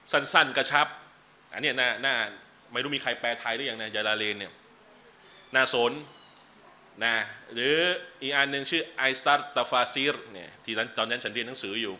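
A man teaching a relaxed religious class, chatting with joking asides between numbered teaching points. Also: medium pitch. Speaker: Islamic teacher. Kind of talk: casual religious lecture. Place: lecture venue.

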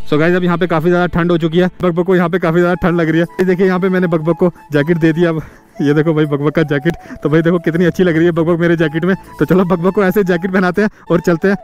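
Fast-talking young man vlogging outdoors. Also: a little high, darkish tone, highs cut off. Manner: chatty, keeps calling out to viewers as "guys" and "bhai". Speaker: motovlogger host. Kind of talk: casual vlog narration. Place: outdoors on a cold mountain road.

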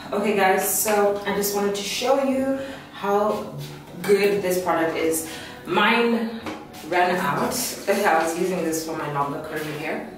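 A woman's voice: medium pitch, lively intonation, slow. Chatty young woman vlogging in a roomy kitchen. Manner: chatty and playful, laughs often. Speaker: lifestyle vlogger. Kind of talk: casual vlog chat to camera. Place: small home kitchen and living room, indoors. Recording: roomy, distant audio with music behind.

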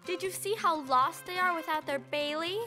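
A woman's voice: very high voice, normal speed, music in the background. A woman voicing a snooty, scheming teenage mean girl in a cartoon, smug and mock-sweet as she taunts. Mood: gloating, scheming. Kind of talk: animated series voice acting.

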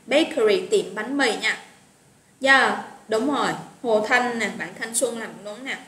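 A woman's voice: a little high, unhurried, sharp tone. A woman with a Southern Vietnamese accent teaching a live online English vocabulary class, chatty and encouraging as she calls out students' names. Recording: roomy echo with faint noise.

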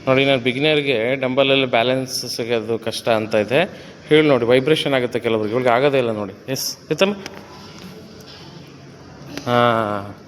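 A man's voice: medium pitch, steady tone, normal speed, pauses often, a little hiss or hum. A man coaching his wife through a gym workout, giving short commands and counting reps. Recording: echoey gym hall with faint music.

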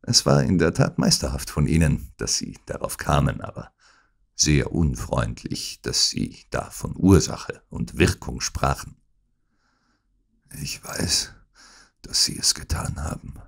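A man voicing a sneering villain who loudly taunts and mocks a bedridden rival. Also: extremely low pitch, lively intonation, a little slow, gravelly, full character voice. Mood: gloating. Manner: loud, taunting, mocking. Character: sneering, mocking male villain gloating at a rival. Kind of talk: audiobook acting.

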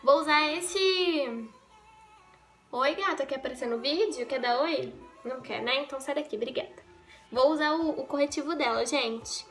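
A young woman from Brazil talks to her viewers while doing her makeup at home. Her voice is high and bright, and she jokes and rambles, correcting herself as she goes. Faint music plays under the recording. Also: normal speed. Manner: chatty and joking, rambling with self-corrections. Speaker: makeup vlogger. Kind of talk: casual get-ready-with-me vlog. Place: at home in a bedroom.

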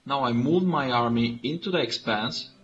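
A native Bulgarian speaker from Bulgaria gives let's play commentary, calmly and methodically talking through his strategy moves. His voice sits at an ordinary middle pitch and moves at normal speed. The audio is dull, with faint music playing behind him.

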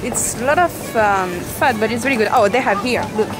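A woman's voice: fairly high pitch, fairly quick, poor audio. A young woman hosting a vlog, chatting and explaining foods while shopping in a supermarket, laughing often, recorded on a camera held at arm's length. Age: young adult. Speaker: vlog host. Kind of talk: casual chat while shopping. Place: indoor supermarket. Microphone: handheld camera at arm's length. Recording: busy supermarket with loud music. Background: loud background music.

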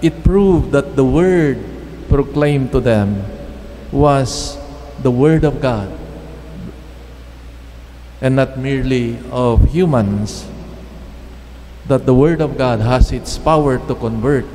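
A middle-aged man preaching a homily at Mass, speaking in measured, halting phrases with pauses, into a lectern microphone. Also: mid-range voice, warm tone, a little hiss or hum. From Philippines. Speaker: priest. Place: church chapel. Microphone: standing mic at lectern. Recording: long church reverb, faint ambience.

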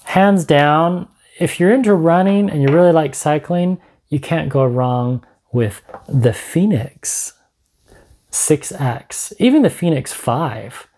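A man's voice: a little high, lively intonation, slow, a little mellow. A man in his forties giving a casual, unscripted gadget review, chatting and thinking aloud as a vlogger. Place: small home room, indoors.

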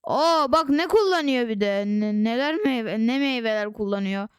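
Excitable high-voiced woman gaming host. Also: normal speed, clear, resonant tone, dry recording, clean studio sound. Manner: chatty, excitable, addresses viewers as friends. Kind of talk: casual gameplay commentary.

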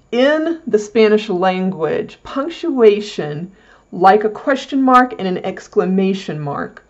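Woman teacher, chatty step-by-step explainer, medium pitch, muffled lo-fi audio. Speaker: Spanish teacher for parents. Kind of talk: casual explanatory lesson.

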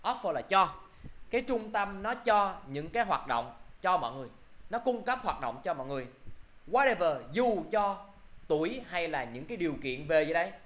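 A man's voice: high voice, very animated, normal speed, a bit bright, roomy sound. A male teacher quizzing his class through an English review, often checking if they follow. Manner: quizzing students, repeating "được chưa?".

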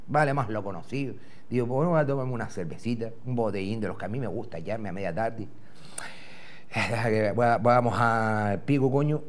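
In a TV studio with a backdrop behind him, a middle-aged Gran Canarian host with a mid-range, darkish voice and Canarian Spanish accent rambles through a comic story in character. He curses and imitates other people, picked up on a lapel mic.

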